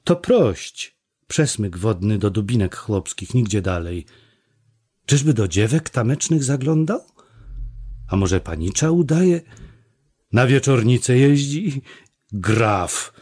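A man voicing a proud, sharp-tongued young village woman who mocks and scolds in a raised voice. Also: medium pitch, husky, exaggerated voice. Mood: scheming. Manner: mocking, scolding.

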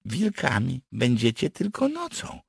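A man voicing a cynical rustic man with hidden powers, talking gruff and earthy in an audiobook. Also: mid-range voice, wildly swooping pitch, measured pace, no room sound, studio quality, pitched above the performer's own voice, exaggerated voice. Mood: gruff scheming. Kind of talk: audiobook character voice.

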